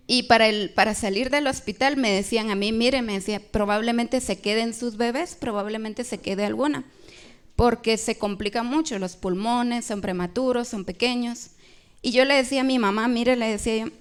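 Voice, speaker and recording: A woman with a fairly high voice shares a personal faith testimony at a church women's gathering. She tells it as a story, slipping into the quoted lines of the people in it. She often tags her phrases with a questioning "right?". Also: clean tone. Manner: storytelling that acts out quoted dialogue.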